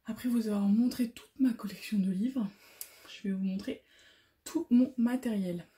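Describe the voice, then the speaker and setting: A woman hosting a casual coloring vlog, talking quietly and at times in a whisper so her sleeping baby is not woken, with many hesitant fillers and restarts. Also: medium pitch, normal speed, breathy edge. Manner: speaks softly, sometimes whispering, so her baby keeps sleeping. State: out of breath. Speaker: coloring channel host. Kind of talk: casual show-and-tell vlog.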